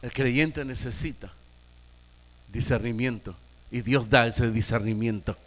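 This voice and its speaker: A Nicaraguan pastor preaching a sermon, emphatic, firing rhetorical questions at the congregation. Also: male voice, medium pitch, measured pace, long reverb tail.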